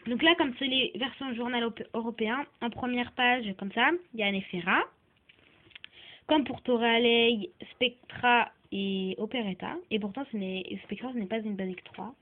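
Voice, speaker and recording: A woman's voice: fairly high pitch, fairly even intonation, moderate pace, a little hiss or hum. Hesitant woman in a tinny phone-like recording. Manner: hesitant, many fillers and restarts. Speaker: doll reviewer. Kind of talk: casual toy review.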